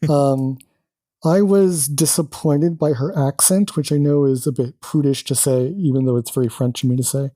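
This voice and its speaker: Wry, mellow-toned podcast co-host man. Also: on the high side, dry recording. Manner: opinionated, wry, chatty. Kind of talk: casual podcast chat.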